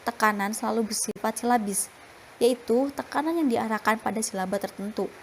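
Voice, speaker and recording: A young woman presenting a university phonetics class talk, reading her slides in a steady, explanatory way. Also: on the high side, fairly quick, a little hiss or hum. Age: young adult. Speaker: student presenter.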